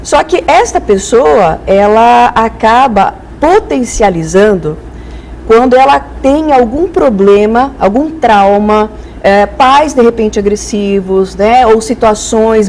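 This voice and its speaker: A Brazilian woman appears as an expert guest in a conversational interview, explaining things didactically and acting out examples to illustrate them. Her voice sits a little high with a darkish tone, and the poor audio carries some hiss or hum.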